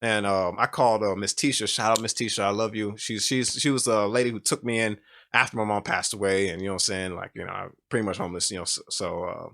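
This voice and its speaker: A man's voice: lowish voice, steady tone, quick pace, creaky, fairly bright tone. A man telling a personal story in casual chat, rambling and emotional, with many restarts and fillers. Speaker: podcast guest.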